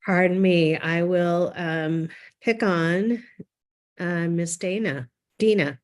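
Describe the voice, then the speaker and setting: A woman who leads a trucking association, sounding nasal from a head cold and introducing herself in a brisk, self-deprecating way on a video call. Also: on the low side.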